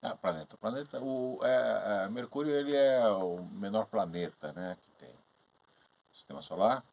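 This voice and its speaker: Gravelly low-voiced man in casual chat. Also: unhurried, darkish tone. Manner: brief agreeing interjections.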